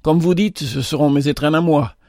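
A poor, kindly widow with three little ones talks in heartfelt exclamations, put on by a male storyteller. Her lines climb well above a man's usual pitch. The room is dry and close. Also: normal speed, dark tone, no echo, lightly acted. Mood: tender.

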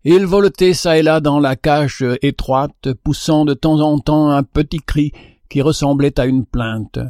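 A man narrating a fable in an expressive, measured reading. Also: fairly high pitch, no echo, clean studio sound. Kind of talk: storybook narration.

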